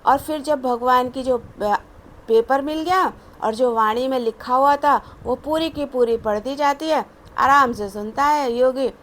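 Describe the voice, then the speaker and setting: High-voiced woman giving a devotional sermon. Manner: measured and repetitive, explaining stories slowly. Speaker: satsang speaker.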